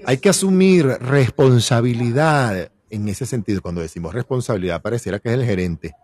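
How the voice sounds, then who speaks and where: A man's voice: mid-range voice, a little mellow. A man with a Venezuelan accent, an actor giving a playful motivational talk and acting out little quoted voices. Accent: Venezuelan Spanish.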